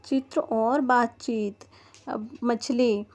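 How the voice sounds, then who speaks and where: Slow, patient woman teaching little kids. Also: a little high, fairly even intonation, darkish tone. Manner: slow, patient, sounds out each letter. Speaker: primary school teacher. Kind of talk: textbook lesson for young children. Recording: dull lo-fi recording.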